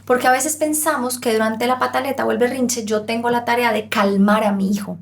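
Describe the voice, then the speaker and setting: Lively woman explaining parenting calmly. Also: fairly high pitch, a little fast, creaky. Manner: animated, acts out parent and child voices. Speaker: parenting expert guest. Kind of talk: explanatory podcast talk.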